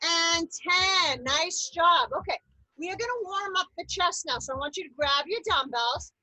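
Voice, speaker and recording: A woman aerobics instructor leading an exercise class, giving energetic, encouraging cues and counting reps. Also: extremely high pitch, a little fast, no echo, poor audio. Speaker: aerobics instructor leading a seated chair workout.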